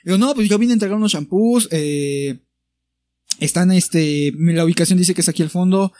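A man's voice: high voice, moderate pace, no room sound, clean studio sound. A young man with a Mexican Spanish accent, telling a story in a casual podcast chat and acting out the people he quotes. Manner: animated storyteller who acts out quoted people. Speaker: podcast co-host.

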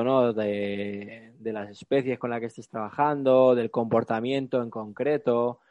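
A man's voice: mid-range voice, mellow, no room sound, dull audio. A man with a Spanish accent from Spain, talking as a co-host in a conversational podcast discussion. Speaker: podcast co-host, animal trainer.

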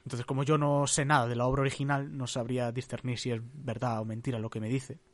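A man chatting on a podcast, recorded close and dry with no room sound. He speaks in a measured way, pausing on small fillers. His pitch sits in an ordinary male range. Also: level tone, dry recording. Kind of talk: casual chat.

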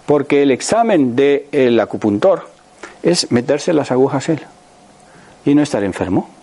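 This motivational speaker is a man in his sixties with a Spain Spanish accent, addressing an audience. His mid-range voice is warm and very animated, with a breathy edge and a slightly slow pace. He asks lots of rhetorical questions and keeps checking in with listeners.

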